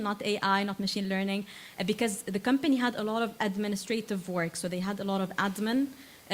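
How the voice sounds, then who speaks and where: A woman's voice: mid-range voice, a little hiss or hum. A woman in her thirties from Lebanon, giving a conference talk to students and filling her speech with uh and um as she restarts phrases. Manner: frequent uh and um fillers, self-correcting restarts. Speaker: invited tech speaker.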